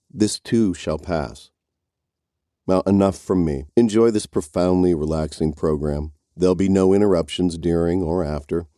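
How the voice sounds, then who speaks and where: A man giving an encouraging, measured motivational self-help talk straight to the listener. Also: low voice, warm tone, no room sound, studio quality. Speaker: self-help program host.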